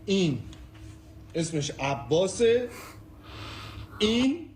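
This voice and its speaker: A man's voice: high-pitched, sing-song, darkish tone, slight background noise. A man talking casually and jokingly, asking questions on a video.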